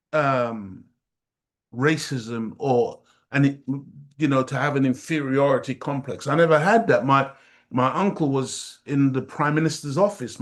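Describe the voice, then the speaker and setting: Medium in pitch, a middle-aged man from Jamaica leads a study group with a passionate, preacher-style community teaching talk, emphasizing points through repetition.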